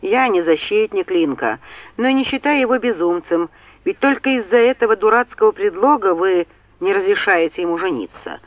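A woman reading an audiobook, voicing a cool-headed young man who answers in a measured, cutting way. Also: mid-range voice, expressive, no echo, lo-fi sound, lightly acted.

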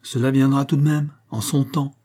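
A man voicing a kind invalid lady who speaks gently but firmly to her young servant, in a read-aloud novel. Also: mid-range voice, steady tone, normal speed, natural voice. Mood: gentle, firm. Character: kindly invalid lady, firm yet tender.

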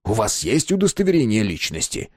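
A man voicing a pushy male manager who shouts orders in a strained, overly loud way, in an audiobook. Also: on the low side, huge pitch swings, fairly quick, dry recording, studio quality. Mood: stern. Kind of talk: audiobook character voice.

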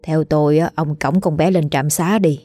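A kindly, practical old village wife reasons calmly with her husband, voiced by a woman reading a ghost story. The voice sits low and mellow, close to the reader's own. Soft music plays faintly behind. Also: normal speed. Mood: persuasive.

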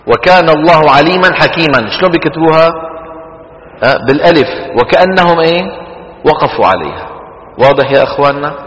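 A man lectures a class on Quran recitation, pitched a little high. He keeps quizzing the room as he explains. His voice rings around a big hall with a long tail of reverb. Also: fairly bright tone.

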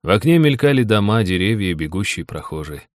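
A man narrating a first-person audiobook in an even, steady storytelling manner. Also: lowish voice, brisk, dry recording, clean studio sound.

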